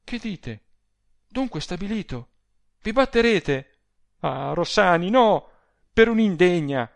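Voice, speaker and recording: A man's voice: mid-range voice, slow pace. A man voicing an agitated society woman who pleads and exclaims in a raised voice, in an audiobook reading. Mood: pleading. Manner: emotional, imploring, exclamatory.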